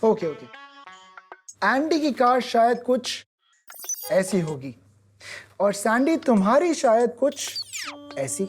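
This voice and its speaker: A woman as a patient financial advisor in an animated explainer ad, walking through figures slowly and deliberately in mixed Hindi and English. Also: on the high side. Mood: explaining. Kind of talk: explainer ad dialogue. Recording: light music behind.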